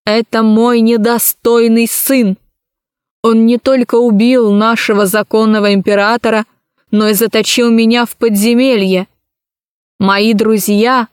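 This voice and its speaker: A woman's voice: a little high, little pitch movement, measured pace, clean tone, no echo, clean studio sound, natural voice. A woman voicing a proud, dignified empress who speaks with stately scorn. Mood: solemn.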